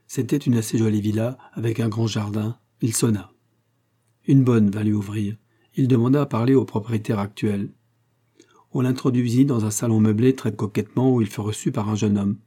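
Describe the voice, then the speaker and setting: A man narrating a detective novel in a measured, even storytelling voice. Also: fairly low pitch, slightly rough. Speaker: audiobook narrator.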